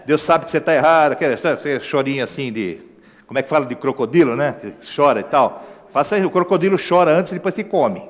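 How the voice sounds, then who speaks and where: A man with a Brazilian Portuguese accent preaching a sermon as pastor, emphatic, throwing rhetorical questions and asides to the congregation. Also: fairly high pitch. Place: church. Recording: echoey church hall reverb.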